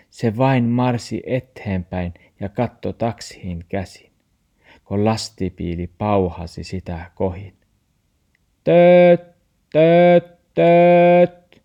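A man with a Meänkieli accent reading a children's audiobook aloud in a calm, measured storytelling manner. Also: sits low, dull audio. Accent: Meänkieli (Tornedalen). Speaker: audiobook narrator.

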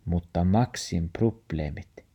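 A man reading a children's story aloud in a calm, even manner. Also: sits low, husky. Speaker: narrator.

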